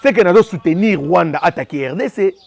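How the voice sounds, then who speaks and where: A man from Congo gives fast, impassioned opinion commentary, repeating himself and switching between French and Lingala. His high-pitched voice is expressive and carries vocal fry.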